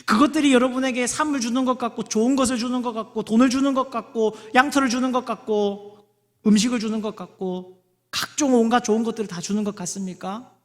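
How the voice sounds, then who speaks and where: Bright-voiced pastor preaching in a reverberant church. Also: male voice, extremely high pitch, quick pace. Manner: lively, coaxing the congregation to call out and repeat. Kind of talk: sermon. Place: large church sanctuary. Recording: long hall reverb.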